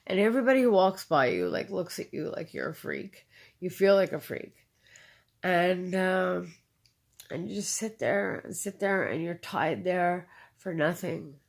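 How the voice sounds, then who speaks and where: A woman speaks in a somewhat low register with a rough, gravelly edge. She tells her own story in conversation, pausing on fillers and repeating key phrases for emphasis. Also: expressive. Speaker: interviewee.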